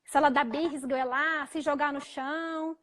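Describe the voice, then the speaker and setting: Brief: Brazilian woman host with a very high voice, casual and halting, gentle when quoting her child-talk. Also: fairly even intonation. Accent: Brazilian Portuguese. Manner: hesitant, with frequent restarts and repeated fillers; gentle, soft-spoken when quoting what she tells her child. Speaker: host of a live chat on parenting. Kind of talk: casual explanatory chat.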